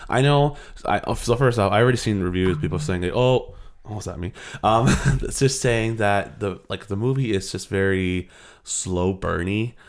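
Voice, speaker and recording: Hungover American man hosting, low voice. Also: moderate pace. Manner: informal, rambling. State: hungover and very tired. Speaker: podcast host. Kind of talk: casual chat.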